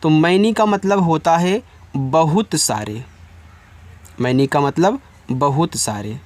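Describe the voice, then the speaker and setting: A man teaching beginners, patiently spelling out words letter by letter and repeating each meaning for his students, reading example sentences slowly. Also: on the high side, expressive, darkish tone. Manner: addresses viewers as students; reads English examples slowly and carefully. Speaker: English teacher.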